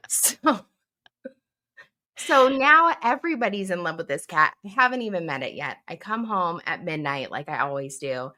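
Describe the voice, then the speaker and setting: A middle-aged woman co-hosting a podcast, telling stories in casual chat, animated and laughing often. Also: lowish voice, a little slow, pauses often. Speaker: podcast co-host.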